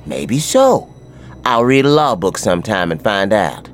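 Lively, wry western sheriff. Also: male voice, fairly low pitch, a little slow, faint music behind. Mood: dry, stubborn. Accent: American West. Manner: folksy, colloquial. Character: wry, tough male frontier sheriff. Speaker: narrator and lead character. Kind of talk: dramatized first-person western storytelling.

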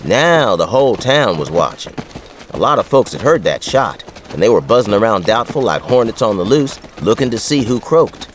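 Lively, wry western sheriff. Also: male voice, on the low side, normal speed, slight background noise. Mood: wry, determined. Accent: American West. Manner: folksy, colloquial. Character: wry, tough male frontier sheriff. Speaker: narrator and lead character. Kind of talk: dramatized first-person western storytelling.

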